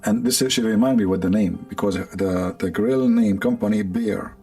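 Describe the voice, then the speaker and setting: Gravelly Arabic-accented man joking on stream. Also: lowish voice, moderate pace, warm tone, soft background music. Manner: rambling, sarcastic, laughs often. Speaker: livestream host. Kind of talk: casual joking monologue.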